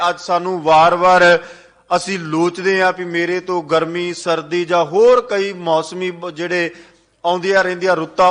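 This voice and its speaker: A man's voice: sits high, fairly bright tone. A man giving a sermon at a gurdwara, chanting scripture lines in a sing-song way and repeating phrases for emphasis. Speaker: Sikh preacher giving katha. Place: gurdwara hall.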